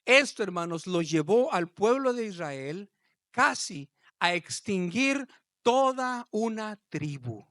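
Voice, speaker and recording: A man preaching a sermon as pastor, swelling from low talk to loud, shouted passages. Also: sing-song, takes it slowly, no echo, clean studio sound.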